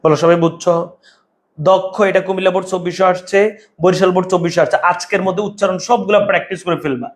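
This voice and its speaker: A man's voice: sits high, steady tone, racing. A man teaching an online exam-prep language class, drilling students with call-and-response repetition and calling them brother. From Bangladesh. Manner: calls listeners "bhaiya". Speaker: Bangla teacher.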